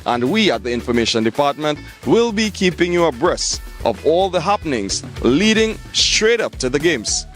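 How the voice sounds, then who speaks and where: A man's voice: fairly high pitch, big pitch swings, moderate pace, few pauses, fairly bright tone. Brief: man, field reporter, upbeat, light music bed.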